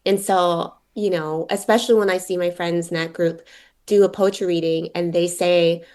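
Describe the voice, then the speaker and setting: Reflective woman poet, slightly low voice. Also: steady tone, normal speed, darkish tone. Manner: reflective, informal, thinking aloud. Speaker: poet and teacher being interviewed. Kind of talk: conversational interview answers.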